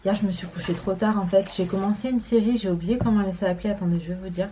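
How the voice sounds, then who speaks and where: A woman's voice: mid-range voice, steady tone, very fast, dark tone, a little hiss or hum. A woman in her twenties from France, chatting casually to camera at home, rambling with many fillers. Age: 20s. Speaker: vlogger. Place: home, indoors.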